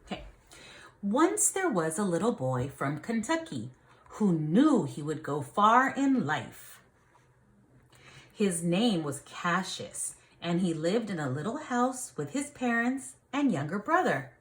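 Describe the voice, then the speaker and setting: A woman teacher with a mid-range, sing-song voice reads a picture book aloud to children. She pauses to ask questions and explain things simply to her young listeners.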